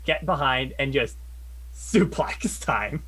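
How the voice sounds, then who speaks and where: A man's voice: mid-range voice, expressive, slow, a bit bright, slightly rough. A man chatting casually as a player in a tabletop game, often counting up his dice aloud.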